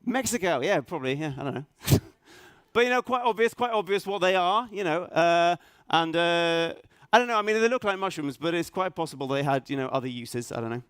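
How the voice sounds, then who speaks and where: A middle-aged man, raised in Norway, speaking at a conference, halting and self-deprecating, full of restarts and fillers. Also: a little high, expressive, a bit bright, clear, resonant tone, dry recording. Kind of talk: hesitant conference talk. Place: conference hall stage.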